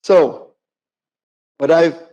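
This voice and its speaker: A man's voice: fairly high pitch, drawn-out words, dark tone, rough recording. A man giving a conversational, playful conference keynote, often correcting himself mid-sentence. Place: conference hall.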